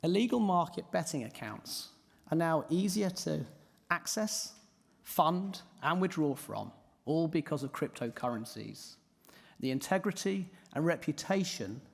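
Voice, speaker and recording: Croaky man presenting in a hall. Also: a little high. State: hoarse, croaky voice. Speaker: conference speaker. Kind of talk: prepared conference presentation. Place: large echoing indoor hall. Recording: reverberant hall.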